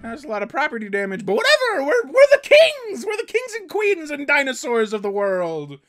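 A performer voicing an excitable cartoon man who rambles and yelps in alarm while reacting to his own cartoon episodes. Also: medium pitch, a little fast. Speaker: reacting host character. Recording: loud music playing underneath.

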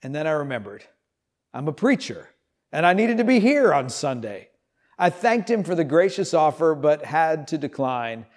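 Brief: man, fifties, preacher, somewhat high voice, animated storytelling sermon, church setting. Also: normal speed. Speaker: pastor. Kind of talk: sermon with scripture reading. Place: empty church sanctuary, indoors.

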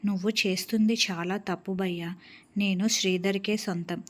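A woman's voice: medium pitch, fairly even intonation, normal speed, lightly acted. A woman storyteller voicing a grieving, defiant young woman in love, her lines tearful and pleading.

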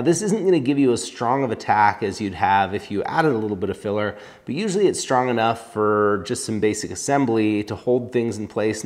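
A man in his thirties teaching welding to camera, explaining each step in a practical, calm way from a small indoor shop. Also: on the low side. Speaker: welding instructor. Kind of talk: instructional talk to camera.

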